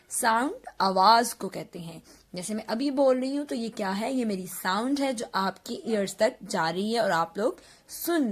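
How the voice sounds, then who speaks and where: A woman science teacher giving a recorded online lesson, speaking slowly and repeating key words as she asks and answers her own questions for students. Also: medium pitch. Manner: mixes Hindi with English terms, calls students "beta". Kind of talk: recorded online class lecture.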